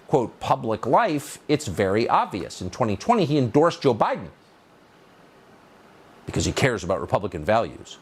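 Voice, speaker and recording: A middle-aged man hosting a news show, delivering an opinion monologue in a sarcastic, mocking, incredulous way. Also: mid-range voice. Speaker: host.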